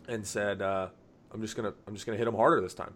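Animated male podcast host. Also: fairly low pitch, quick pace. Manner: animated storyteller, acts out quotes; laughs often, many fillers. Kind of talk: casual podcast chat.

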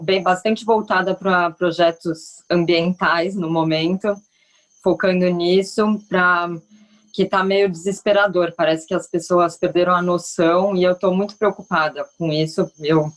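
A woman's voice: lowish voice, poor audio. A woman guest who teaches surfing, speaking in an earnest, concerned and somewhat hesitant way. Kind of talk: casual podcast chat.

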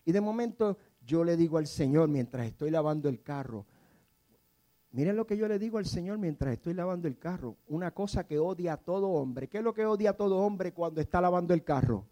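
A man in his fifties preaches a sermon in a warm, mellow voice pitched a little high for a man, animated and a little fast. Telling the story like a storyteller, he slips into soft, hushed passages and has the congregation repeat key words back to him.

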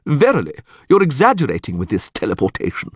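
A man's voice: mid-range voice, wildly swooping pitch, fast, breathy edge, no echo, voice pushed up. A man voicing a portly, haughty court chamberlain who speaks emphatically. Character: pompous portly middle-aged male chamberlain.

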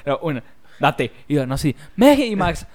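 A young man with a Mexican accent trades slangy jokes as a podcast co-host. His voice sits a bit high and swings widely in pitch. He laughs loudly and often. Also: very animated, moderate pace. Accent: Mexican Spanish. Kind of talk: casual podcast banter.

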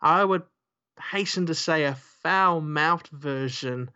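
A man's voice: a little high, takes it slowly, bright, forceful tone, clean tone, highs cut off. A man co-hosting a podcast in casual chat, rambling and joking with lots of fillers. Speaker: podcast co-host.

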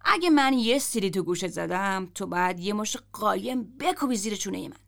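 A woman reading the lines of a gruff, foul-mouthed grown man who grumbles and swears in a story. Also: mid-range voice, lively intonation, a bit bright.

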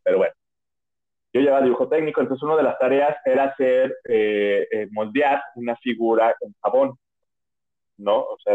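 A man with a Mexican accent telling personal stories on a podcast in a casual, rambling way, with many restarts and fillers. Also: lowish voice. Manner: chatty, rambling, full of "o sea" and restarts. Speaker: podcast host. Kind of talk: casual storytelling. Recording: narrow phone-like audio.

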